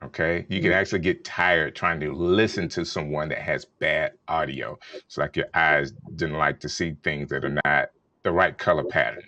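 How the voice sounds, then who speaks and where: Man, very low voice, dry sound, measured advice, casual video chat. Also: fairly even intonation, bright, forceful tone, no room sound. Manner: measured, advising tone.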